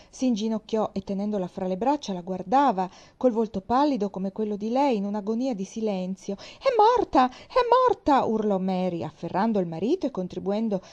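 A woman narrating a classic novel aloud as an audiobook reader, measured and expressive. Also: mid-range voice. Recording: dull lo-fi recording.

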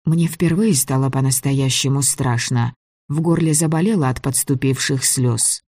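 Measured fantasy audiobook narrator. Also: medium pitch, a little mellow, no room sound, studio quality. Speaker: audiobook reader.

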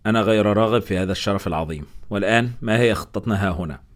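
A man's voice: lowish voice, lively intonation, very fast. A man voicing a blunt, curt and cold expedition doctor in an audiobook. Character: Anderson, a brusque blunt blond male expedition doctor.

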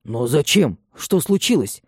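Мужчина-чтец озвучивает вспыльчивого пожилого лесничего, который говорит возбуждённо и с восклицаниями. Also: male voice, on the high side, sing-song, unhurried, husky, no room sound, studio quality, voice pushed up, heavily acted. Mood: agitated. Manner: agitated, exclamatory. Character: excitable older male forester, family man.

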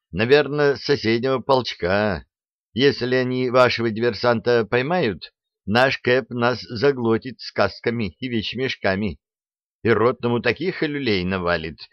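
A man's voice: medium pitch, dry recording, dull audio, voice pushed up. A man voicing a nervous young infantry officer who rambles anxiously.

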